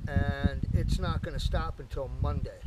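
A man's voice: on the high side, steady tone, measured pace, muffled recording, very noisy. An older man casually talking to camera while building a campfire at a lakeside campsite, chatty and folksy, calling viewers folks. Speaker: camping vlogger. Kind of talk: casual outdoor talk to camera. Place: outdoors at a lakeside campsite fire pit. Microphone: camera-mounted mic from a few meters away.

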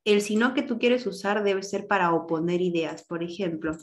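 A woman's voice: mid-range voice, normal speed. A woman teacher running an online class, giving directions and patiently explaining grammar with examples.

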